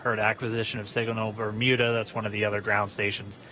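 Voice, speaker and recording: A man's voice: lowish voice, flat delivery, quick pace, bright, forceful tone, a little hiss or hum, low-quality recording. A man hosting a live webcast, giving launch commentary.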